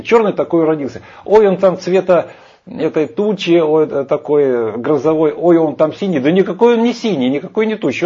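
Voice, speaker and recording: Husky and darkish, this man's a little high voice carries an emphatic argument in a heated discussion. He is lecturing on Vedic scripture, rambling with hesitations. The sound is dull and lo-fi.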